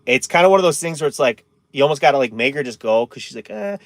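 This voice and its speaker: A man's voice: medium pitch, rapid-fire, dry recording, clean studio sound. A man in his thirties chatting casually on a live stream from inside his camper van, rambling and answering viewer comments.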